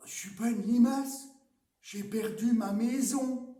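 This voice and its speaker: A man's voice: very high voice, slow pace, mellow, pitched above the performer's own voice. A man voicing a small snail creature who has lost its house, in an earnest picture-book voice, in an echoey room with the mic at a distance.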